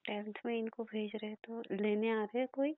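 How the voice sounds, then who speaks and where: A woman's voice: on the high side, fairly even intonation, normal speed, dry recording, narrow, tinny audio. A woman giving a psychic reading, relaying messages, chatty and playful and laughing often. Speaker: psychic reader.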